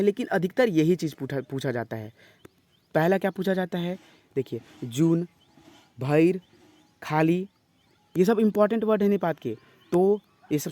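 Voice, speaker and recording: Lively high-voiced male teacher. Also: no echo. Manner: explanatory, repeats phrases, frequent check-ins; reads example sentences slowly and emphatically. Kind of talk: exam-prep lesson.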